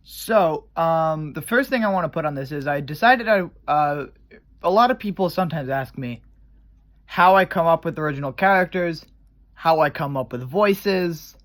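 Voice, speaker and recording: Guy rambling on his channel about his characters, voice a bit on the high side, keeps trailing off and restarting. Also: lively intonation, normal speed, a bit bright. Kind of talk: casual explanatory vlog.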